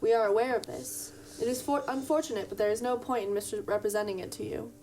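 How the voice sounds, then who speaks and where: A woman's voice: a little high, fast talker, darkish tone, natural voice. A woman voicing unseen future beings who speak formally, with odd inflections. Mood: calm formal.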